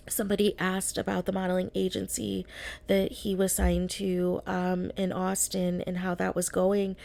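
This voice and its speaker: Creaky-voiced woman vlogger, a little under the weather. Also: medium pitch, darkish tone. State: slightly under the weather, getting over an illness. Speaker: YouTube reaction host. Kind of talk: casual recap to viewers.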